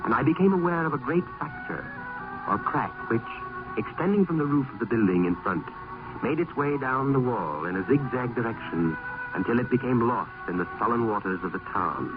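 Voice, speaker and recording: A man playing a weary, foreboding gentleman poet in a gothic radio drama, with formal, literary speech. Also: mid-range voice, animated, brisk, lightly acted. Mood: brooding, uneasy. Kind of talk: old-time gothic radio drama acting. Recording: muffled vintage radio recording, loud music.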